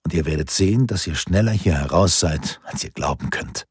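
Guy reading as a persuasive old-world ruler begging his friend, deep husky voice. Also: normal speed, no room sound, studio quality. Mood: urgent. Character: persuasive Renaissance city ruler, loyal friend, urgent.

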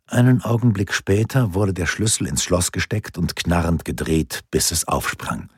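Deep husky guy narrating a historical audiobook, super dry close sound. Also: lively intonation, normal speed, no room sound. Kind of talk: scripted narration.

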